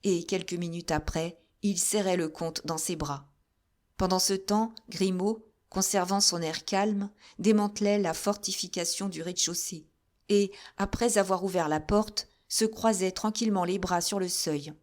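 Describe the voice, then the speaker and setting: A woman reading a classic novel aloud as an audiobook narrator, steady and measured. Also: lowish voice. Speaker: audiobook reader.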